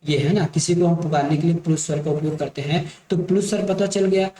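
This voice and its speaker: A male teacher with a slightly high voice gives an exam-prep grammar lesson. He walks through each point patiently, repeats himself and keeps checking that his students follow. The sound is echoey, with a faint hum in the background. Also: fast talker, mellow.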